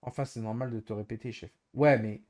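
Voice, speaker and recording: A male streamer talking casually to his live chat at a mid pitch. His voice is mellow and dark. He sounds exasperated as he explains himself over and over. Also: fairly even intonation, brisk.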